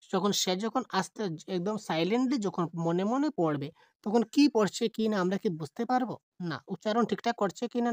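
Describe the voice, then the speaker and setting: In a clean studio recording without echo, a woman with a medium, slightly mellow voice leads online exam preparation. She slowly draws out the multiple-choice options, then answers fast on her own, with English terms woven into her questions.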